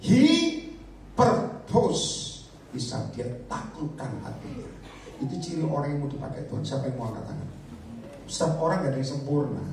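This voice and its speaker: A man preaching a lively sermon, joking the congregation and acting out the voices of the people in his stories. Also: mid-range voice, fast talker, creaky, slight background noise. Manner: animated, jokes and asks the crowd to raise hands; acts out voices of disciples and believers. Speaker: evangelist preacher. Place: church or prayer meeting hall. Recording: echoey hall, recorded from far off.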